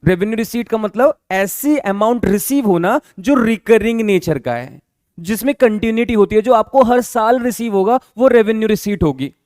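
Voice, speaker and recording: A man with a fairly high voice teaches accounting as a classroom lecture, explaining patiently and repeating the key terms. He keeps stopping to ask whether the students have understood. The recording is close and dry, with no room echo. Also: expressive, normal speed, darkish tone.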